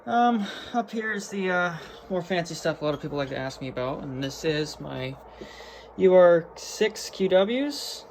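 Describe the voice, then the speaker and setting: Here the voice sits high and sounds expressive, moving at a normal speed. The man, a hobbyist presenter, casually runs through his gear indoors in an unscripted, slangy, matter-of-fact way, captured on clearly noisy amateur video.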